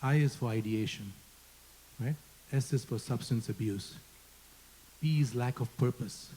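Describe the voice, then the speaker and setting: A man with an Indian accent moderates a panel discussion in an earnest, unhurried manner, often tacking a rhetorical "right?" onto his points. His voice is medium-pitched and dark, and the rough recording carries slight background noise.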